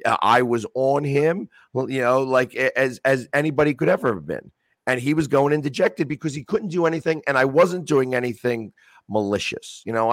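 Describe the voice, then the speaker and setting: A man's voice: medium pitch, dry recording. A talkative man in casual chat as a sports-fan guest, rambling with many restarts.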